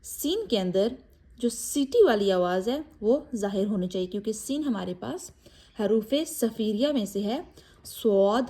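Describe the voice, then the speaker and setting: A woman teaching a step-by-step Quran reading lesson, explaining each letter briefly and then reciting it with long drawn-out vowels, mixing English words into her explanations. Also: mid-range voice, animated, dark tone, breathy edge.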